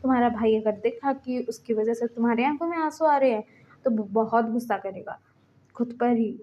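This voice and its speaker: A woman reading the lines of a kind older aunt who gently comforts a young man, in a fan fiction reading. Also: a little high, brisk, highs cut off, a little hiss or hum, natural voice. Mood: comforting.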